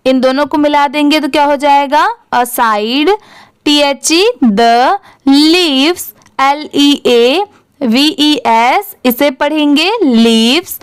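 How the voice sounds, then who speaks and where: A woman teacher with a high voice leads an English reading lesson. She talks slowly and patiently, spelling each word letter by letter and then asking how it is read. The sound is dry and close. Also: no echo. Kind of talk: spelling out words letter by letter for learners.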